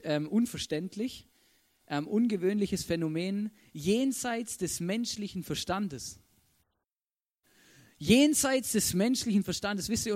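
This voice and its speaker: A man's voice: sits high, a little mellow. A man preaching a casual sermon, chatty and often checking in with the audience. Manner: chatty, keeps asking "oder?".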